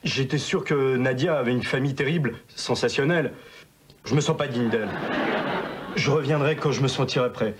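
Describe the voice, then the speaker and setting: A man's voice: medium pitch, brisk, slight background noise, natural voice. An actor voicing an awkward, overly formal young male suitor in a cartoon. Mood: flustered. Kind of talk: cartoon voice acting.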